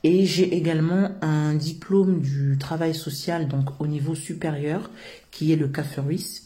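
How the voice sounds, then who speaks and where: A middle-aged Frenchwoman who founded a social work business answers interview questions about her work. Her voice sits low and dark, with fairly even intonation and a measured pace, and she comes across earnest and hesitant, using many filler sounds.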